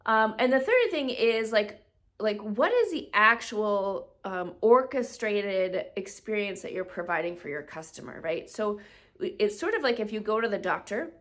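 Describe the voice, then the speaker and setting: A woman's voice: mid-range voice, expressive, normal speed, fairly bright tone. Chatty woman hosting a business podcast. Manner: conversational, explains with rhetorical questions and frequent "right?"; acts out customer voices in quoted asides. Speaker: podcast host, business coach. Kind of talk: solo podcast talk.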